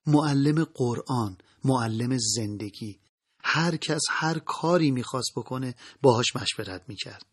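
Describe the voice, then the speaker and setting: A man reads a first-person memoir in a measured, solemn manner, his voice slightly husky and often sinking to a soft hush. His pitch sits in a plain middle range, and his delivery is slow and steady. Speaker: narrator.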